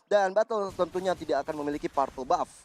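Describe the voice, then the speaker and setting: A man's voice: a little high, fast. A man with an Indonesian accent giving live esports commentary, explaining the play as it unfolds.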